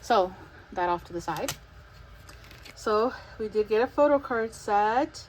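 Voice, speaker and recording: A young woman chatting casually as she unboxes an album, talking in an excited, breathless way with lots of fillers. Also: mid-range voice, a little slow, slight background noise, low-quality recording. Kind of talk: casual chat.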